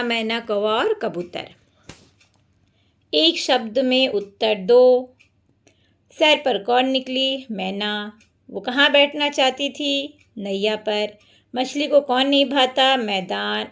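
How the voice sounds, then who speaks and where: Woman teacher going thru a kids workbook, slow and step by step, kinda gravelly, bit high. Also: fairly bright tone. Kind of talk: workbook lesson walkthrough.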